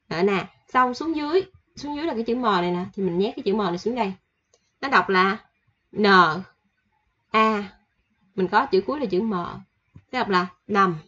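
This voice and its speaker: A woman teaching a casual online language lesson, chatty and repeating each example slowly with fillers. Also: on the high side, fairly bright tone, breathy edge, highs cut off.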